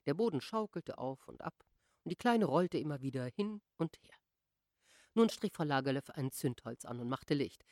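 A woman narrating a literary audiobook in a measured, expressive storytelling manner on a close microphone. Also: sits low, no echo. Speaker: audiobook reader.

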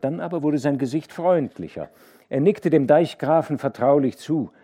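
A man narrating a classic novel as an audiobook, with measured, expressive storytelling. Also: on the high side. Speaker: audiobook reader.

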